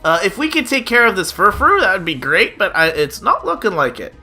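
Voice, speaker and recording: Very animated and fairly quick, this young man's high, bright voice pushes forcefully as he gives chatty card game play-by-play for YouTube. He sounds a little nasal from a cold and says "uh" constantly. Background music plays throughout.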